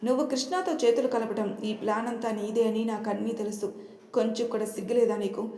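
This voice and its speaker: A woman's voice: a little high, fairly even intonation, a little fast, dark tone, lightly acted. A woman voicing an angry, protective young man who scolds sternly. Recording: roomy reverberant room.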